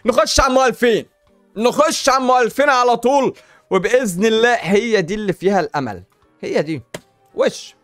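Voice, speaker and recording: Egyptian man hosting a gaming channel: high, quick and excitable, chatty with viewers, dry close sound, faint music behind. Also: no echo. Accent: Egyptian Arabic. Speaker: gaming YouTuber host. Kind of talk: casual gaming commentary while opening packs.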